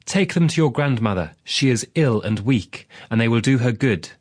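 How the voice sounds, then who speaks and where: Storybook mother, played by a male narrator: instructing, careful, gently firm, lively pitch, dry sound. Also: moderate pace, no room sound, close to an everyday voice. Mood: caring, admonishing.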